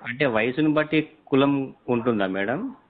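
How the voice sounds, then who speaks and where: A male reporter conducts a phone interview, deferentially calling the person "madam" again and again. His mid-range voice moves at a normal speed, and the phone-line recording is noisy and tinny.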